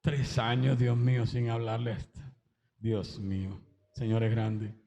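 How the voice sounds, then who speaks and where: A man's voice: medium pitch, flat delivery, unhurried, warm tone, long reverb tail, muffled recording. A man giving an emotional religious testimony at a church service, breaking into exclamations of praise.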